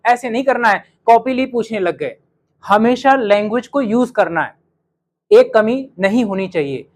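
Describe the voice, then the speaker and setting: A male teacher gives a spoken English lesson to his students. He slows right down to say each sample sentence with care. He keeps quizzing the class with rhetorical questions. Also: high-pitched, animated, slight background noise, rough recording. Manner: says English model sentences slowly and clearly, then quizzes students.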